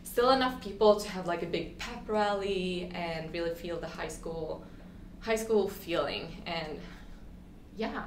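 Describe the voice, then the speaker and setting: An unhurried, lowish voice belongs to a Swedish woman in her twenties who's a guest on a casual interview, recounting her story. She's talkative, heavy on "like" and restarts, and acts out quotes from people. The space echoes, with faint background noise.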